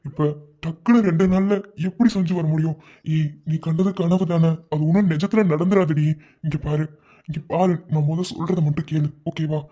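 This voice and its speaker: A man's voice: a little high, fairly even intonation, normal speed, mellow, lo-fi sound, close to an everyday voice. A man voicing a young man working abroad in a cartoon love story, soothing and insisting that his partner trust him. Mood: reassuring.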